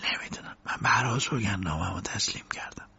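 Casting: a male narrator doing a timid, cowed middle-aged man who stammers and whispers; gravelly voice, dull lo-fi recording. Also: mid-range voice, lively intonation, dark tone. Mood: whispering. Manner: stammering, then whispering weakly. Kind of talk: audiobook reading.

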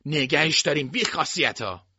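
A man's voice: on the high side, lively intonation, bright, forceful tone, slightly rough, dry recording, lo-fi sound, pitched above the performer's own voice, full character voice. A man doing a bossy older boy scolding.

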